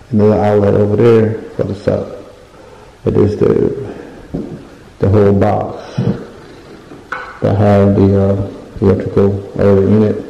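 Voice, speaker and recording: This gravelly, low, dark-toned voice, with a little hiss or hum, belongs to a home renovation vlogger narrating a casual walkthrough. Filming on a handheld phone in his unfinished indoor basement with bare drywall, he rambles, hunts for words, and points things out; the bare room sounds echoey and lo-fi.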